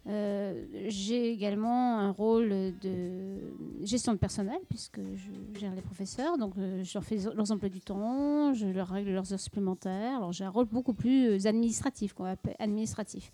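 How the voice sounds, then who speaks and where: A middle-aged woman from Paris answering interview questions as a school deputy head, in a measured, explanatory way with frequent hesitations. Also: medium pitch, dark tone.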